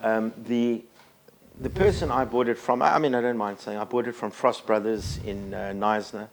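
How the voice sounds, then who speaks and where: A man's voice: lowish voice, fairly even intonation, normal speed, slight background noise. A man, a podcast guest telling long, rambling stories with many ums and restarts. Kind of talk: casual storytelling chat.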